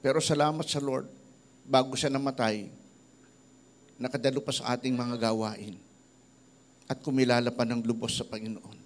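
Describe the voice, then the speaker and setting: A middle-aged Filipino pastor preaches a sermon woven with stories about people he has met, acting out their words in a lively voice as he quotes them. He speaks at medium pitch and a moderate pace, with long pauses.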